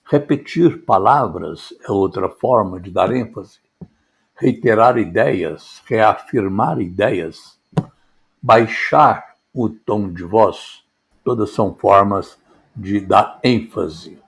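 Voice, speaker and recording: A man teaching public speaking in a measured, deliberate scripted lesson, stressing key words. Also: lowish voice, vocal fry.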